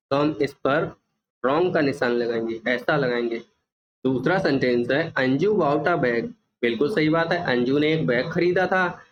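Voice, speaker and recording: A man walks children through an English workbook, his voice a bit high for a man. He spells and repeats each word slowly and patiently. The recording is muffled, with a faint hiss behind him. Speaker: teacher.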